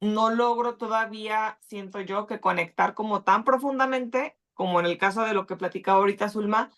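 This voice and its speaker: A woman's voice: medium pitch, moderate pace, fairly bright tone. A woman, a podcast guest speaking hesitantly and reflectively in casual chat.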